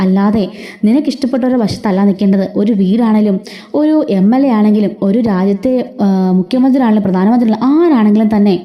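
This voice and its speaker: A woman's voice: mid-range voice, natural voice. A stern old family patriarch lectures in a moralizing tone, voiced by a woman narrator. The sound is dull and lo-fi.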